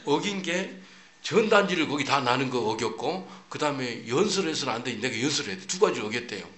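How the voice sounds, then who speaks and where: A man preaching a sermon, telling a personal testimony in an animated storytelling way and acting out what he once said. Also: medium pitch, fast talker, echoey room. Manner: animated storytelling, acts out his own English quotes.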